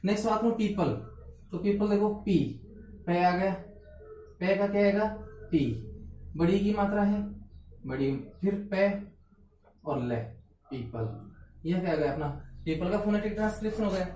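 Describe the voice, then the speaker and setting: A man teaches phonetics at the board, asking questions and answering them himself. His voice is mellow and sits back from the microphone. The room rings with echo, and faint room noise stays underneath. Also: high-pitched, normal speed, pauses often. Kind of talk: blackboard phonetics lesson. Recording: roomy echo, mic far off.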